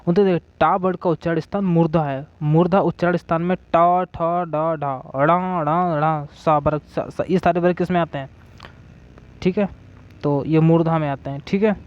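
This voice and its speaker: A man's voice: a little high, fairly even intonation, moderate pace. A man teaching an exam-prep grammar lesson, asking questions and then answering them himself, checking in with "okay" again and again. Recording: dull lo-fi audio.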